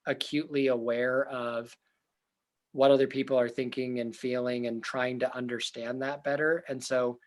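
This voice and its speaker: This young man is a therapist being interviewed, and he speaks in a loud, earnest way with a flat delivery at a middle pitch and normal pace. Thinking as he talks, he circles back often, using fillers and restarting sentences in reflective, casual conversation.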